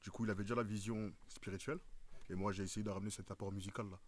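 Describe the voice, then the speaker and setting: Music producer guy, lowish voice, talks quick but hesitant, faint room noise behind. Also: flat delivery, a little mellow. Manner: hesitant, searching for words. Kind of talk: conversational interview.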